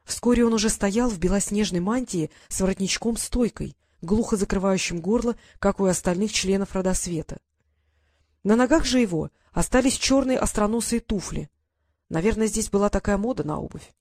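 An audiobook reader narrating a fantasy novel in an even, clear storytelling manner. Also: medium pitch, moderate pace, no room sound, studio quality.

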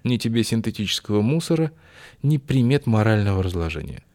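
A man with a fairly low voice reads a story aloud. His scripted narration is lively and ironic, lingering on odd details. The pace stays steady and easy to follow. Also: brisk. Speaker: audiobook narrator.

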